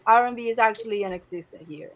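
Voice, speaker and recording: Woman, twenties, from Argentina, interview guest, animated, lo-fi audio. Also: fairly high pitch, quick pace, a little hiss or hum. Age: 20s. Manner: animated, laughs often, searching for words. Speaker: guest artist. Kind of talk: casual interview chat. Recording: slightly dull lo-fi audio.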